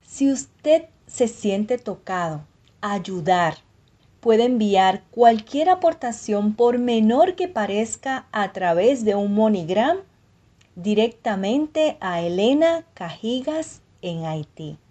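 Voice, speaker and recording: A woman hosting a podcast, giving a measured, gentle scripted narration. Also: medium pitch, expressive. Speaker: podcast host.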